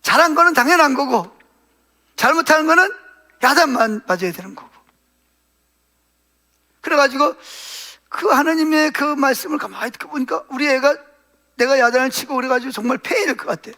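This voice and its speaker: A male pastor preaching a sermon, putting questions to the congregation and answering them himself, and acting out quoted prayers in a softer voice. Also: very high-pitched, brisk, pauses often.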